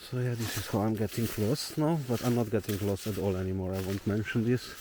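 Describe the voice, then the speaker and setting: A young man with a Slovenian accent and a low, deep voice chats in a relaxed, rambling way as he hikes alone. He is recorded outdoors in a forest. Clear outdoor nature ambience sits behind his voice. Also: brisk, background noise. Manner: relaxed, thinking aloud while hiking. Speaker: solo traveler vlogger. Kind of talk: casual walking vlog.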